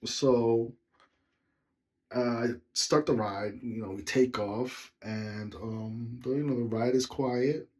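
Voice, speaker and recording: A man's voice: medium pitch, steady tone, takes it slowly, a little mellow. Man telling a story in a casual vlog. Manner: rambling, with side remarks to viewers. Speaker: vlogger telling a personal story.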